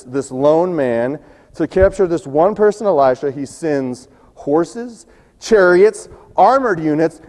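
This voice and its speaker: A man preaching a sermon, telling a scripture story and acting out its quoted lines, his voice going hoarse. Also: high-pitched, darkish tone, big-room sound. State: losing his voice. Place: church sanctuary.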